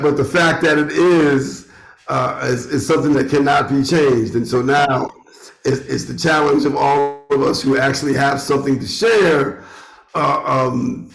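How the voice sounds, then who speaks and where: A man's voice: mid-range voice, creaky, slight background noise. A middle-aged man chatting casually from a home studio, circling back and repeating phrases as he reasons. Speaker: musician, guest. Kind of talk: casual chat. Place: bedroom turned home studio. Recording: roomy, echoing internet call audio.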